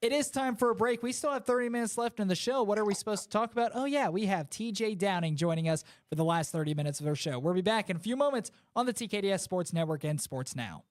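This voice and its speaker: A man hosting a high school football talk show, running through playoff scenarios and chatting with his co-host. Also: animated, fast, few pauses.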